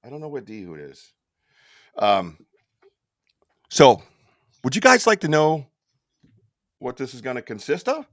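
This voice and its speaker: Lively, excitable New man hosting. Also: mid-range voice, measured pace, pauses often. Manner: excitable, chatty, laughs often, swears casually. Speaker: podcast host on a live stream. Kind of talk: casual live-stream chat.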